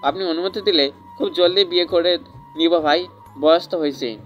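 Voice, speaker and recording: A woman's voice: fairly low pitch, normal speed, muffled recording, soft background music, voice pushed down, lightly acted. A woman doing a shy, loyal young sidekick. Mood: bashful. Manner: bashful and respectful.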